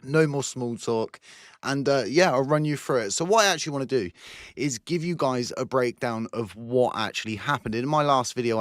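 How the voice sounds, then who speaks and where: A man hosting a crypto channel, talking casually to camera with a croaky, short-winded voice while recovering from surgery. He rambles, repeats himself and fills gaps, speaking from a studio booth. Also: medium pitch, a bit bright, dry recording. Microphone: new microphone.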